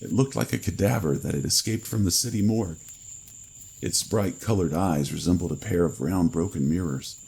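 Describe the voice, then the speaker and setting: A man reading a first-person horror story in a slow, grave storytelling manner. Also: low voice, creaky, a little mellow, slightly rough, rough recording. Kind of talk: scripted horror narration.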